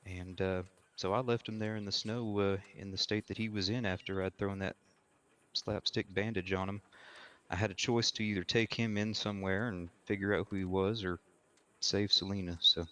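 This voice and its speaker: Man playing a low-voiced, halting frontier witness. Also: fairly even intonation, fairly bright tone, lightly acted. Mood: measured, careful. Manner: halting, deliberate, formally worded. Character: male frontier witness, armed woodsman, measured and formal. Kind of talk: improvised courtroom role-play testimony.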